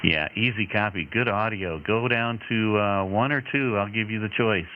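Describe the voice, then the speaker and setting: A man's voice: fairly low pitch, moderate pace. A man acting as net controller on amateur radio, taking check-ins with procedural jargon and call signs. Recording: crackly muffled radio audio, heavy noise.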